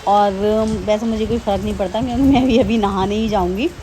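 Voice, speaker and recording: A woman's voice: mid-range voice, fairly even intonation, fast talker, dark tone, a little hiss or hum. A woman in her thirties, a homemaker, chatting casually in a daily home vlog, rambling with many fillers and restarts. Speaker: vlogger, homemaker. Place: home during heavy rain. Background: faint rain and ambience.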